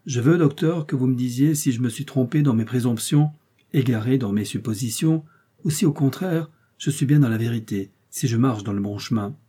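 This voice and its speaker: A man's voice: mid-range voice, moderate pace, warm tone, slightly rough, lightly acted. A man reading as an emphatic detective chief. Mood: insistent. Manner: emphatic, insistent explaining. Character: sharp confident male detective chief. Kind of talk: audiobook character reading.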